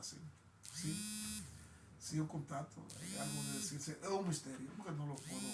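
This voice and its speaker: A man's voice: fairly high pitch, roomy sound, far from the mic, background noise. A man with a Dominican accent hosting a live online show in a casual, rambling monologue, often repeating himself and restarting sentences.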